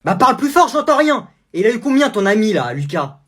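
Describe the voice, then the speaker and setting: A man voicing a furious, strict mother who shouts and scolds her son without pause. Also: sits high, very animated, pitched above the performer's own voice. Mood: yelling. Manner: shouting, bossy, relentless.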